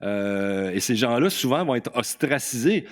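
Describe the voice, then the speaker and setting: A man's voice: mid-range voice, expressive, measured pace. A man with a Québécois French accent giving a conference talk, speaking informally, repeating words and often tagging "là". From Quebec. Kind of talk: conference talk quoting testimonies.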